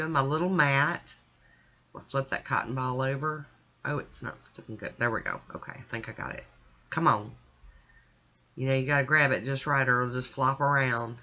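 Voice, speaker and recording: A woman's voice: a bass voice, pushed and bright, highs cut off. A woman chatting casually as she talks the viewer through her nail art, step by step. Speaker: nail art channel host.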